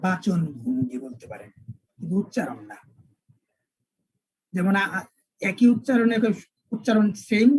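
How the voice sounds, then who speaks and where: A male English teacher, lecturing an online class and spelling words out slowly with repeated examples. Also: high voice, darkish tone, breathy edge, no room sound, poor audio.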